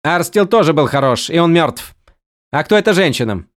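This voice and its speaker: Мужчина-чтец озвучивает коренастую властную женщину-наёмницу, говорящую резко и ворчливо. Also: male voice, fairly high pitch, lively intonation, moderate pace, dry recording, clean studio sound, voice pushed up, lightly acted. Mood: brusque. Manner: blunt, gruff, grumbling. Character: stocky brusque woman mercenary, bossy.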